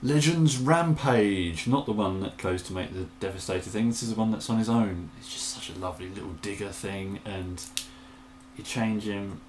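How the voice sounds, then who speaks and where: A man chatting enthusiastically in a casual show-and-tell vlog, with bursts of excitement. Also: low voice, brisk, echoey room, slight background noise. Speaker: toy collector vlogger.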